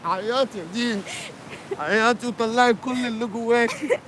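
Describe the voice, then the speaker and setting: An actor playing a glib, rambling comic meddler in an Egyptian drama, talking with an Egyptian accent. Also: male voice, very high voice, a bit bright, a little hiss or hum. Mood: mock-earnest. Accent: Egyptian Arabic. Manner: fast comic rambling, mock pleading.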